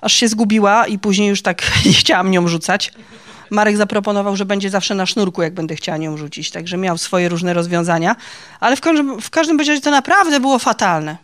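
A woman's voice: medium pitch, a little fast, fairly bright tone. A woman giving a personal faith testimony to a group of women, chatty and confiding, laughing at her own stories. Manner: chatty and confiding, ends phrases with "nie?".

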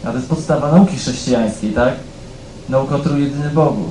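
A man's voice: medium pitch, quick pace, slight background noise. Chatty preacher man in an echoey hall. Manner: conversational, keeps asking "tak?" of the congregation; rises louder when reading scripture aloud. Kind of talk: sermon.

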